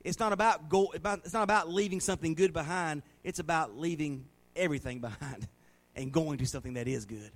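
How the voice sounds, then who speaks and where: A man's voice: fairly high pitch, a little fast. A middle-aged man preaching a sermon in a folksy, conversational way, asking the congregation questions. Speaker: pastor.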